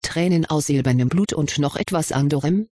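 A reader voicing an old, wise male headmaster wizard who explains things calmly, in an audiobook reading. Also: medium pitch, moderate pace, no room sound, close to an everyday voice.

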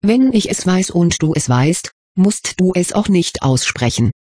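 A reader voicing a weary, sharp-tongued teenage witch girl with a croaky, grumbling manner in an audiobook. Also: mid-range voice, animated, measured pace, no room sound, studio quality. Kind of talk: audiobook reading.

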